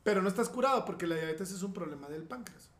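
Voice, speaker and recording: A man's voice: high-pitched, lively intonation, quick pace, fairly bright tone. A man with a Mexican accent, a surgeon talking bluntly and casually on a podcast, full of slang and swearing. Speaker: surgeon guest. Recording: roomy echoey room.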